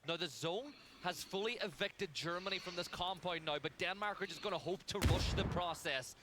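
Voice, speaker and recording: A man doing brisk, excitable play-by-play commentary on an esports match. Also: high voice, background noise. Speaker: esports caster.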